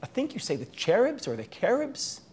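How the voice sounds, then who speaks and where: A man's voice: very high voice, wildly swooping pitch, normal speed, darkish tone, husky. An Israeli man with an American-sounding accent, lecturing on a Bible book, often restarting words and mixing in Hebrew terms. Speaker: Bible teacher.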